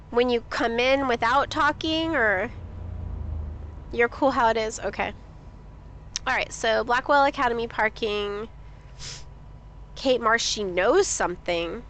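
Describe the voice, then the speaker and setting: Her voice sits on the high side, with slight background noise behind it. During a casual live stream of a game, she sniffles while chatting with viewers, reading things out and putting questions to chat.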